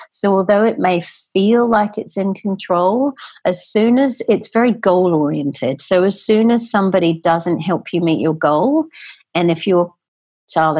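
A woman, a mother of five, calmly explaining her parenting ideas in conversation. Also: fairly low pitch, husky, dry recording. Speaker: parenting guest.

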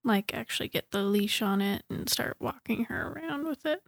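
A woman co-hosting a relaxed podcast chat, chiming in with short remarks and finishing his sentences. Her voice is a bit higher than most. The recording is dry and close. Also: normal speed, creaky, no echo. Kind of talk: casual chat.

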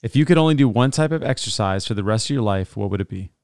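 A man's voice: lowish voice, animated, fast talker, darkish tone, no room sound, studio quality. A man co-hosting a podcast interview, upbeat and encouraging, laughing easily. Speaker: podcast co-host. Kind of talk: casual interview chat.

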